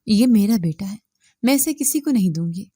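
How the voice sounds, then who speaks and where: A desperate young mother whose voice trembles while her words stay firm, read by a woman narrating an audio storybook. The tone is warm and dark, with a close, dry sound. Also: mid-range voice, lively intonation, dry recording, natural voice. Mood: pleading.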